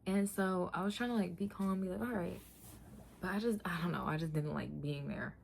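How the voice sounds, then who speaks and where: Low-voiced young woman vlogging candidly over background noise. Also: fairly quick, creaky. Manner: animated, candid, slangy, emphatic repetition. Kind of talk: casual chatty storytelling to viewers.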